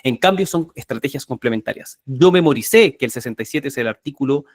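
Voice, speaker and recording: A man's voice: medium pitch, quick pace, no echo, clean studio sound. Emphatic male memory workshop instructor. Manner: energetic, emphatic, repeats key words. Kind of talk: live online workshop.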